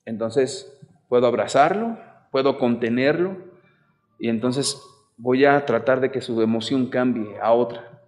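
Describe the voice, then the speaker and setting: A man's voice: medium pitch, measured pace. A man giving a talk on marriage and family to couples, conversational and asking the audience questions. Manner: conversational, asks the audience questions, lively examples. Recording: long hall reverb.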